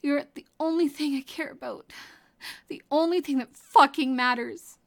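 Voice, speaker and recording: In an intimate roleplay audio drama, a woman voices a devoted, guilt-ridden psychopath lover who is tearful and clingy. Her high-pitched voice moves at normal speed, breathy and emotional, sliding between sobs and whispers. She sounds shaken yet relieved.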